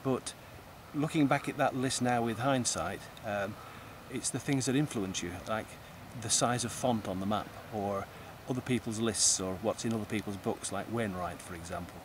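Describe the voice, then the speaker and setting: A man's voice: lowish voice, normal speed, hardly any pauses, background noise. A man, thoughtfully explaining things in a precise way. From East Lancashire, England. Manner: thoughtful, precise, restarts words mid-phrase. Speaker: guest. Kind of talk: conversational interview.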